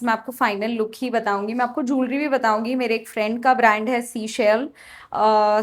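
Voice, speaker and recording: Chatty Indian woman, slow and easy. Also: a little high. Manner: chatty, mixing Hindi and English. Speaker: vlogger. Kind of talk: casual beauty vlog narration.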